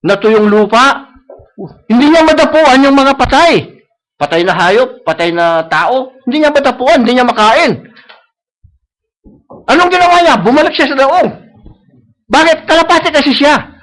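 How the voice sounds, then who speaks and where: A male preacher, his voice pitched very high for a man. He preaches to a live congregation, returning to the same phrases again and again and checking that they follow him. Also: expressive, moderate pace, pauses often, fairly bright tone, rough recording. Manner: mixes English phrases into Tagalog, repeats key phrases; asks the congregation for agreement. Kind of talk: sermon. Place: church service.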